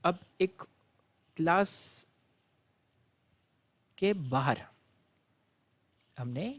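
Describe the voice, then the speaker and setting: A man from India, a college lecturer teaching programming, who explains patiently step by step, calls his students "beta" and reads exam questions out slowly. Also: a little high, animated, no echo.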